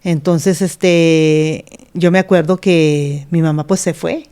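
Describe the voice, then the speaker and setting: Speaking slowly in a low, warm, clean voice with fairly even intonation, a middle-aged pastor recounts her life in an earnest interview. She retells scenes by performing the quoted speech of the people involved.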